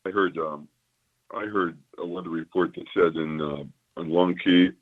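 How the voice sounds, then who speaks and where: A man with a very low voice chats easily as a call-in fishing guest. His voice comes through a thin, crackly phone line that keeps fading in and out. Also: fairly even intonation, moderate pace. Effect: crackly phone line that fades in and out. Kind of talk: casual radio chat.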